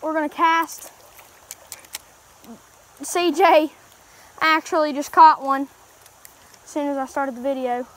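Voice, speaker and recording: Out by a wooded mountain creek, this woman vlogs her fishing trip with a bright, high voice, chatting to viewers in an easygoing way. She talks slowly with long pauses, giving casual running commentary. The audio, captured on a handheld phone camera, is poor.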